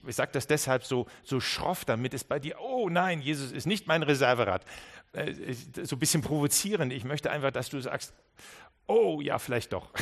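A man preaching a Christmas sermon, speaking straight to the listener with many restarts and swings between quiet and emphatic passages. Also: on the high side. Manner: earnest, direct address with many restarts.

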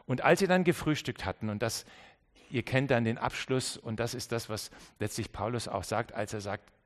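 A man preaching a sermon to a congregation, emphatic, dropping to quiet low asides and repeating key phrases for weight. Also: moderate pace. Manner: emphatic, swings between loud stresses and quiet low asides. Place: church service with an audience.

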